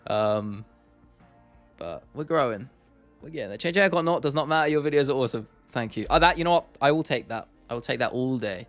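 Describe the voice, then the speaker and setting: A man hosts a casual livestream, chatting with viewers in an informal, laddish way and repeating phrases for emphasis. His mid-range voice is expressive and slightly fast, with faint music and keyboard clicks in the background.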